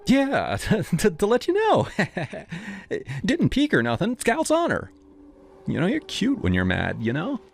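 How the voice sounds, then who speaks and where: A man's voice: high voice, huge pitch swings, moderate pace, vocal fry, dry recording, pitched above the performer's own voice, full character voice. A man voicing a creepy mid-twenties male delivery driver who talks in a sleazy drawl broken by wheezing chuckles. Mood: leering, sleazy.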